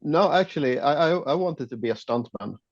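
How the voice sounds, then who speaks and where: A man's voice: fairly high pitch, animated, brisk, no echo, lo-fi sound. A Swedish man with a Swedish accent, a guest speaking English as a second language in a casual interview, hesitant and laughing often. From Sweden. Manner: hesitant, many fillers and restarts, laughs often. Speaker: guest photographer.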